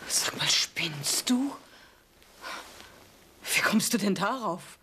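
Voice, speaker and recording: Frightened wife begging, breathy whispers, voice jumping up and down. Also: female voice, a little high, sing-song, normal speed, a little hiss or hum. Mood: pleading. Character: frightened wife pleading with her husband. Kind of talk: 1980s TV crime drama acting.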